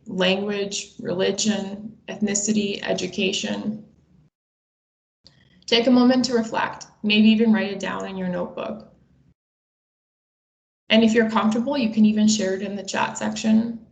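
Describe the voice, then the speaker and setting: Speaking in a noticeably creaky, mid-pitched voice, this Bosnian woman in her twenties walks through a prepared webinar, taking her points one at a time at a measured pace. Echo hangs around her words in the roomy recording.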